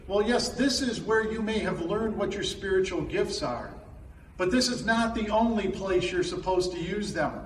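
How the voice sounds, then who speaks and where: A man's voice: high-pitched, animated, moderate pace. An American man, a pastor, giving a plainly worded teaching sermon to his congregation. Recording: echoey, distant mic, background noise.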